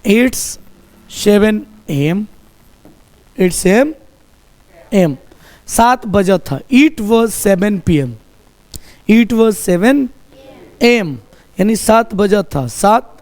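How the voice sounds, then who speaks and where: A man with a Hindi accent teaches spoken English to a class in Hindi, drilling sentences and having the students repeat them. His voice is high-pitched, expressive and a little mellow, and his delivery is slow and drawn-out.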